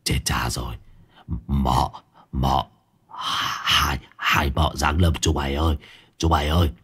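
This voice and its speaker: A man doing a terrified, hushed older man. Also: very deep voice, steady tone, slow pace, breathy edge, voice pushed down, full character voice. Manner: hushed, stammering.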